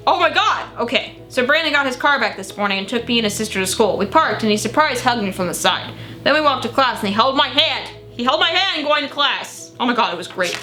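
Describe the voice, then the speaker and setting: A young woman with a bright, rather high voice reads her teenage diary aloud. She is theatrical and gushing, exclaiming and dropping into blunt, sweary asides. Music plays behind her. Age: young adult. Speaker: vlogger. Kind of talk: reading old teenage diary entries aloud with casual commentary.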